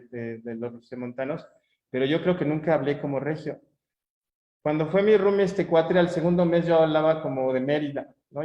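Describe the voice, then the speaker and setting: A middle-aged Mexican man giving a conversational conference talk, telling anecdotes with many tag questions and fillers. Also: a little high. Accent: Mexican Spanish. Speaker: conference speaker. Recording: echoey, dull lo-fi room audio.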